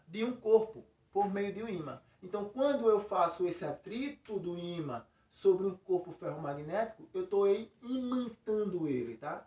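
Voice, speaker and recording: A Brazilian man teaching a physics lesson, stopping often to check that students are following. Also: high-pitched. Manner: explains with frequent check-in tags and restarts. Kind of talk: recorded classroom lesson. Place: classroom by a board. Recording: roomy lo-fi sound from a distance.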